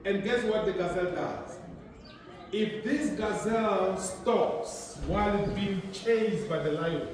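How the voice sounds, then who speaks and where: A man's voice: high-pitched, a little hiss or hum. A man giving a motivational speech to young players at an awards event, repeating phrases for emphasis. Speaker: speaker at a sports awards ceremony. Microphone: far from the mic. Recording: echoey hall, from far off.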